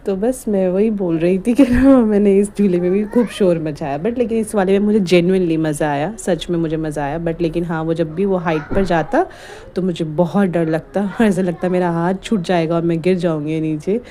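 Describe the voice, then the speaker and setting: A woman narrating her home vlog as a chatty voice-over, rambling and animated, often breaking into laughs. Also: lowish voice, moderate pace, a little hiss or hum. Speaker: home vlogger. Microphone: voice-over recorded while editing.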